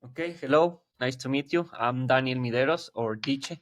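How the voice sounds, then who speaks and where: Recorded dry and clean in a studio, this guest wildlife photographer from Ecuador, in his thirties, speaks at a medium pitch and moderate pace with an Ecuadorian Spanish accent. During the casual interview he is earnest, groping for words and restarting often.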